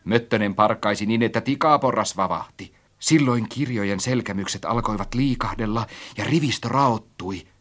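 A man's voice: fairly low pitch, a bit bright. A man narrating a story as an audiobook, reading expressively and acting out his own quoted lines.

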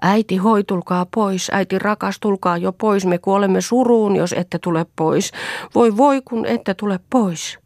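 A woman's voice: medium pitch, darkish tone, no room sound, clean studio sound, voice pushed up, lightly acted. A woman voicing frightened young sisters who plead and wail for their mother in a storybook. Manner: pleading, wailing calls.

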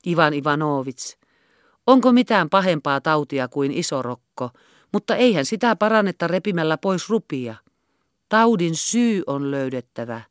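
A woman reading the part of a composed society lady who answers gently and carefully. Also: sits low, no room sound, studio quality.

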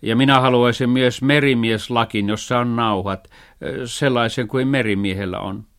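A man voicing a thrifty, practical male cat in a children's story reading, talking brisk and matter-of-fact. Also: medium pitch, steady tone, fairly bright tone, clear, resonant tone, lightly acted.

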